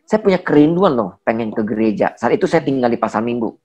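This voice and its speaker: A man's voice: mid-range voice, expressive, fast, a little mellow. A man around forty, a pastor, giving an earnest personal testimony in conversation, speaking emphatically with a slight stammer. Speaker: pastor, guest.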